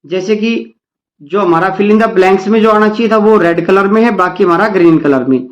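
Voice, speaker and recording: A male teacher with an Indian accent reads each English line slowly, then explains it in Hindi to the children he calls dear kids. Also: sits high, poor audio. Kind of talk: bilingual English-Hindi lesson.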